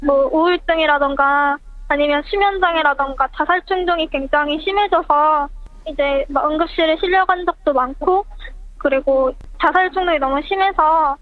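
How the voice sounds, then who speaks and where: Anonymous phone guest, pitch-shifted voice disguise raised high, halting delivery, tinny line. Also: dry recording. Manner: halting, hesitant speech with many pauses. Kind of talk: radio phone interview. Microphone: telephone.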